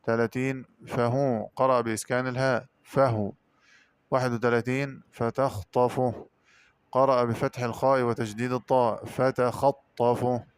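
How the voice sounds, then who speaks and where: A man giving a Quran recitation lesson, explaining variant readings quickly and then chanting the words slowly and drawn out. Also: medium pitch, level tone, clear, resonant tone. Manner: brisk spoken explanations alternating with slow, drawn-out chanted words.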